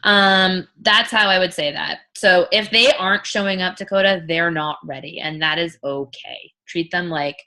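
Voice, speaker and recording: A woman's voice: on the low side, normal speed, few pauses, sharp tone. A woman leading an informal coaching talk as a team leader, blunt and emphatic, repeating her points and swearing freely.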